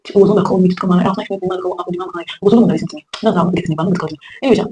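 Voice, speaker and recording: Rapid-fire young Nigerian woman. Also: fairly low pitch, warm tone, slight background noise, rough recording. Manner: rambling, chatty, lots of fillers and restarts. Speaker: vlogger. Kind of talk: casual storytime monologue.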